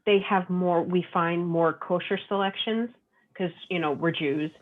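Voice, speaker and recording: A woman chats as a guest author, rambling and full of fillers. Her voice sits a bit low. The call audio is thin and phone-like. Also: unhurried. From Long Island, New York. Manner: chatty, rambling with many fillers. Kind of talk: casual interview chat.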